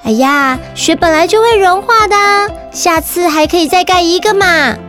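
A woman's voice: very high-pitched, normal speed, over music, voice pushed up. A woman voicing an upbeat, comforting young big sister, coaxing like in a storybook. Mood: consoling.

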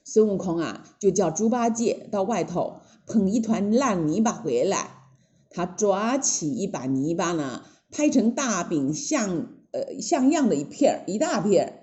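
A woman narrating a classic children's story in an animated, exclaiming way. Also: mid-range voice, a little slow, highs cut off. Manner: animated, exclaiming, many interjections.

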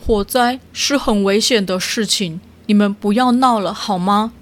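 A woman voicing a sensible, gentle owl who speaks in a calm, earnest way in a children's storybook. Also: medium pitch, moderate pace, lightly acted.

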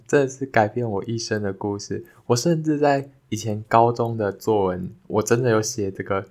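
A young man hosting a podcast, telling a childhood story in a casual, animated way that turns sincere when he gives thanks. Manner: animated, jumps higher when retelling the scary parts. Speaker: podcast host.

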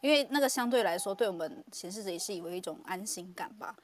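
A woman hosting a relaxed conversation streamed live from an online audio room. She talks at a brisk clip, animated and quick to laugh, with plenty of filler words. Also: mid-range voice, slight background noise. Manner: fast, animated, laughs often, many fillers. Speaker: podcast host.

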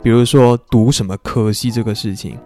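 Brief: young male podcaster, mid-pitched, easygoing and self-deprecating, faint music bed. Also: steady tone, moderate pace, mellow. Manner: chatty, self-mocking, laughs often. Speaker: podcast host. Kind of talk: casual storytelling monologue.

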